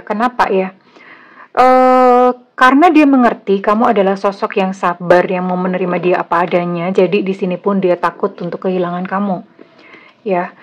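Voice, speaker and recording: A woman with an Indonesian accent gives a casual tarot reading straight to her viewer. She talks in a chatty, blunt way at a middling pitch and slips English phrases into her sentences. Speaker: tarot reader.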